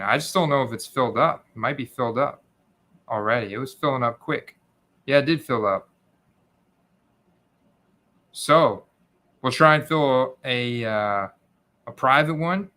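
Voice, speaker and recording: A livestream host with a mid-range, bright and forceful voice speaks at a measured pace with long pauses. He chats casually and informally with his viewers, calling them "guys."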